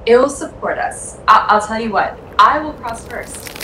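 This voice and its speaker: A woman's voice: a little high, moderate pace, pushed and bright, slight background noise. An actress playing a scheming, insistent woman in a theatrical old radio thriller. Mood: coldly coaxing. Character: scheming, coldly coaxing murderous woman. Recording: echoey distant vintage radio drama recording.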